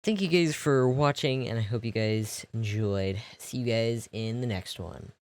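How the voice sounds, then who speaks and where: A young man casually narrating a walkthrough of his game build, relaxed and rambling with lots of fillers. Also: medium pitch, a little slow. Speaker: video creator.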